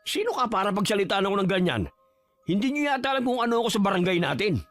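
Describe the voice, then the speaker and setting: A man's voice: high-pitched, expressive, fast, fairly bright tone, no room sound. A man voicing an arrogant, cruel young neighborhood thug who speaks in a mocking, insolent way. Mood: sneering. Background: faint music.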